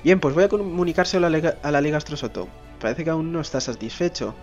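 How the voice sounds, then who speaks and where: A man's voice: fairly high pitch, quick pace, darkish tone, lo-fi sound, soft background music. A man reads game dialogue aloud in a gameplay video. Between the lines he makes casual asides and swears mildly when frustrated. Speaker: gameplay commentator.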